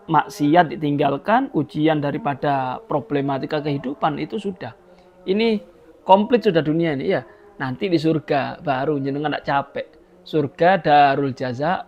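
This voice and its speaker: A man with a Javanese accent giving a religious sermon with a high voice. He preaches in a lively, expressive way, slipping into local phrases and acting out the people he quotes. The sound is dull and lo-fi, like a live stream. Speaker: Islamic preacher.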